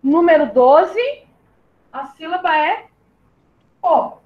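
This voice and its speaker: High-voiced gaúcho teacher on a muffled call. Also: female voice, lively intonation. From southern Brazil. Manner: patient, spells out syllables slowly, calls pupils "my love". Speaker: primary school teacher. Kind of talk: online literacy class for young children.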